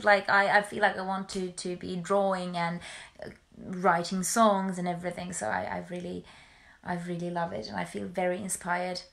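A young woman from Finland talks casually to followers on a livestream. Her voice sits at a medium pitch. She speaks in a halting, hesitant way, often repeating words as she finds the next thought. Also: fairly bright tone. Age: young adult. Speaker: musical performer livestreaming to followers. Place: small bedroom at home, indoors. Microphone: phone or webcam at arm's length.

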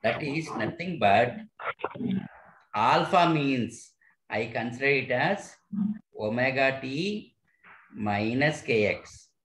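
Expressive and slow, with long pauses, a man with an Indian accent explains a physics derivation step by step in an online lesson, checking understanding with short questions. His voice is mid-range and fairly bright. The echoey recording has a little hiss or hum.

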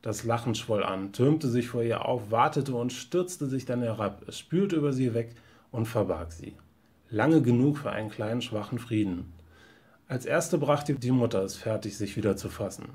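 Husky guy reading a short story aloud, steady even narration. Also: mid-range voice, moderate pace. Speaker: trainee teacher reading aloud.

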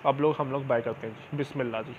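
A man on a gaming channel explains a game in casual screen-recorded commentary, peppering it with little check-in tags. He speaks at a quick pace with medium pitch and fairly even intonation, over a dull lo-fi mic carrying clear background noise.

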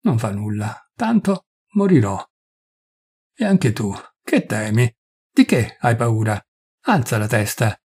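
A dying young noblewoman pleads in a breathless, fevered voice, as a male reader puts her on. His tone stays dark and a little husky. She begs with urgent, clinging intensity. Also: mid-range voice, sing-song, slow pace, heavily acted. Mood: despairing.

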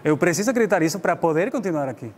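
Speaking very fast and expressively, a middle-aged guest lecturer from Spain delivers an informal, explanatory public talk in a non-native language, his Spanish accent clear. His voice sits a little high with a darkish tone, and the indoor hall echoes over background noise.

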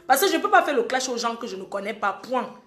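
This young woman from Cameroon, a social media live host, talks fast and with great animation in a slightly high voice. She scolds emphatically, repeating her warnings to those watching in a heated monologue, and the sound is reverberant.

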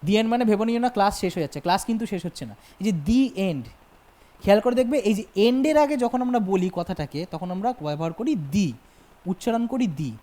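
A woman teaching an exam-prep grammar lecture, repeating each point and checking in with quick questions to her students. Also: mid-range voice, dark tone.

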